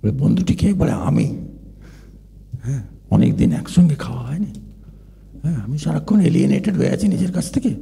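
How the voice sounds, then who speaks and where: A man's voice: a little high, lively intonation, a little fast, creaky, pauses often, dark tone. An older man giving a philosophy lecture in a discursive way, stopping to ask the audience questions.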